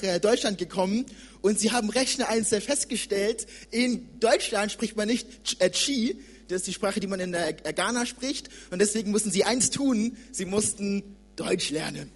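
A man in his twenties preaching a sermon in a lively, conversational way, joking with the congregation. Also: high voice, moderate pace. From Germany. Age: 20s. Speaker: preacher, theology student. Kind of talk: sermon with storytelling. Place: church hall. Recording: long hall reverb.

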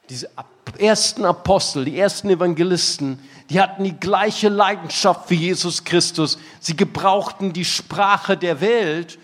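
A male preacher with a fairly high voice delivers a sermon as animated storytelling and laughs at his own anecdotes. His words ring out with a long reverb in a large conference hall.

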